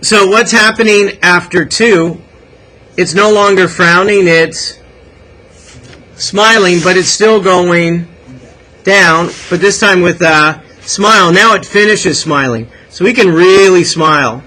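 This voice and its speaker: A man's voice: sits high, takes it slowly, bright, forceful tone, rough recording. A man with a Canadian accent teaching a calculus class, encouraging and asking his students many questions. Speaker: math teacher. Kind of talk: classroom lecture.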